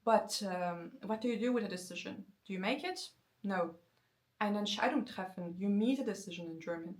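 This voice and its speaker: With a mid-range voice, this native Turkish speaker in her 20s keeps her explanation of language learning casual and upbeat as she addresses the camera. Example sentences get a slower, spelled-out delivery.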